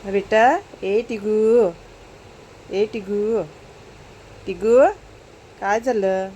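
A woman's voice: mid-range voice, steady tone, drawn-out words, mellow, muffled recording, a little hiss or hum. Woman cooing anxiously at her cat. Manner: repetitive, cooing questions to a cat. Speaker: cat owner talking to her cat. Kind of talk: coaxing pet talk.

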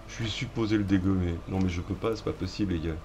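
Deep-voiced man, chatty gaming commentary. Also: fairly even intonation, quick pace, a little mellow, a little hiss or hum. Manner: chatty, slangy, joking, addresses the viewers. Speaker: gaming streamer. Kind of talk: casual let's-play commentary. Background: game music.

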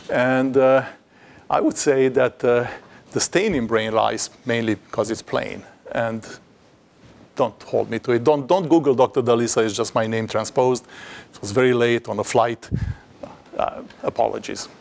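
A middle-aged man gives an academic seminar talk, standing before slides in a lecture hall. His voice sits in a plain middle range, and he works through his points haltingly, full of restarts and fillers, with a dry wit. He is picked up on a lapel mic. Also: mid-range voice, gravelly. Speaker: invited seminar speaker.

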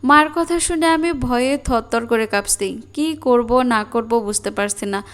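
A woman's voice: on the high side, unhurried. Earnest woman narrating a sad story. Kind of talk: scripted first-person story narration.

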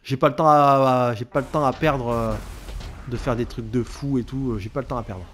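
A man's voice: medium pitch, fairly quick. A man giving casual, joking gameplay commentary as a let's player, talking to the character he controls. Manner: animated, joking, talks to the game character. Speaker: video game let's player. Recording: commentary over loud game noise. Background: game sound effects, sirens and vehicles.

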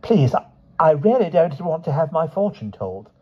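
A man's voice: on the low side, sing-song, brisk, breathy edge, dull audio, full character voice. A man doing a nervous, pleading young woman.

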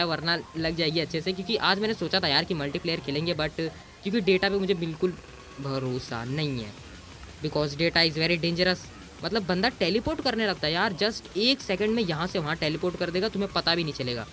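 Bossy, bright-voiced man narrating gameplay. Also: sits high. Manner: bossy and teasing, mixes in English exclamations. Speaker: gaming YouTuber. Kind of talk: casual gameplay commentary.

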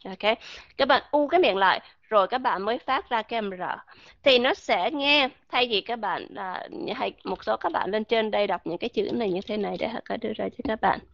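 A woman teaching a live online pronunciation lesson, patient and slowly repeating sounds to demonstrate them. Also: mid-range voice, creaky, no echo. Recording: dry, muffled online voice chat audio.

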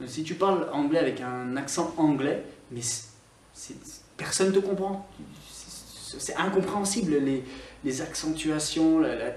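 A man's voice: fairly high pitch, a little slow, darkish tone, echoey room, recorded from a distance, a little hiss or hum. A Scottish man who teaches English online, ranting to camera in a teasing, mock-serious way with lots of fillers and restarts. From Scotland. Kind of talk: opinionated vlog to camera.

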